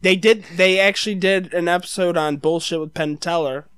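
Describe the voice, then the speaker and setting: A man's voice: high voice, fairly even intonation, brisk, a bit bright, clean tone, dry recording. A man chatting casually on a podcast, telling rambling stories full of slang and swearing. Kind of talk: casual chat among friends on a podcast.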